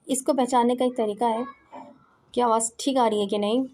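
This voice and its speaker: A woman's voice: a little high, fairly even intonation, dark tone, slight background noise. A woman giving an informal home lesson, patiently demonstrating throat sounds step by step. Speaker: Quran pronunciation teacher. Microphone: home recording, phone.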